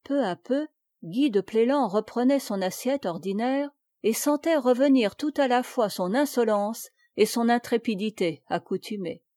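A woman reading a classic tale aloud as an audiobook narrator, in a measured, deliberate way. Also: on the high side, expressive, warm tone, dry recording, studio quality. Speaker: audiobook reader.

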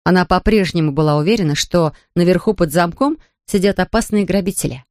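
A woman narrating a children's storybook aloud in an expressive reading voice. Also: fairly low pitch, brisk, dry recording, studio quality. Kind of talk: audiobook narration.

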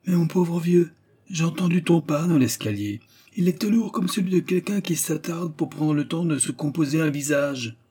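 A proud, fervent old tragic actor near death, pleading with grandiose emphasis, as a male reader puts him on. The voice is dark and husky. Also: on the high side, lively intonation, normal speed, pitched above the performer's own voice. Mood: rueful.

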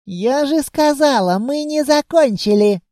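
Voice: high voice, animated, measured pace, mellow, no echo, studio quality, pitched above the performer's own voice. A reader voicing a fierce little girl who is stubborn and bossy in an audiobook.

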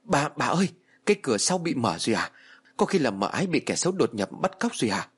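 A man's voice: medium pitch, very animated, fast talker, breathy edge, full character voice. A man voicing a flustered young male servant who calls out eagerly. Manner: shouting, flustered.

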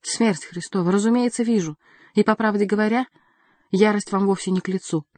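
A woman reading an audiobook voices a calm, ironic young male courtier who teases his opponent. Dry, close recording. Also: medium pitch, a little fast, no room sound, close to an everyday voice. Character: mocking, cool-headed young male courtier.

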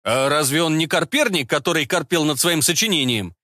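A man's voice: a little high, brisk, pushed and bright, no echo, studio quality. A man voicing a bored, blunt young army lieutenant in an audiobook. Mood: offhand.

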